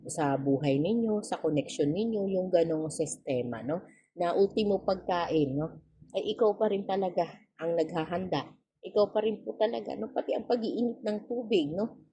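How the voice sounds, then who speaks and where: A woman giving a tarot reading straight to the viewer, polite and gentle, tagging nearly every phrase with a questioning "no?". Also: lowish voice, breathy edge. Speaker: tarot reader.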